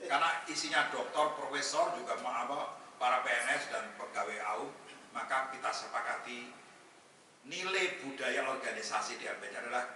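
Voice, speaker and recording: A man's voice: mid-range voice, moderate pace, distant mic. A man giving a humorous religious talk to a gathering, joking with the audience and quoting Arabic verses. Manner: jokey, lively, mixes Arabic verses with banter. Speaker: head of a national Muhammadiyah institute, guest speaker. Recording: echoey hall, voice from afar, faint noise.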